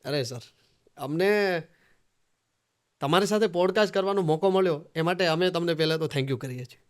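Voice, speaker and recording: A man's voice: fairly high pitch, moderate pace. Polite Gujarati-accented man hosting. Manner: polite, asks short questions, addresses guest as sir. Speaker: podcast host. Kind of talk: conversational interview.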